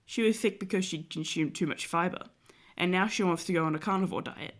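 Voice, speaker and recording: A young woman with a fairly low voice streams herself drawing, chatting briskly and casually. A cold leaves her nasal and stuffy, and her rambling talk is full of fillers.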